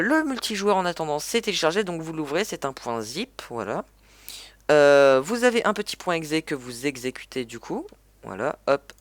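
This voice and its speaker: A man's voice: fairly high pitch, fairly bright tone, dry recording. A man explaining a game mod installation in a casual tutorial, often hesitating and correcting himself. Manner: hesitant, many fillers and self-corrections. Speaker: gaming tutorial youtuber. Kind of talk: casual screen-recorded tutorial.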